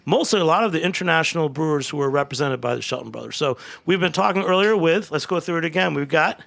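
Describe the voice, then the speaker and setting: A man hosting a casual radio chat, talking quickly and eagerly. His voice has a gravelly edge and sits a little high for a man. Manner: fast, excitable, chatty. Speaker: radio show host.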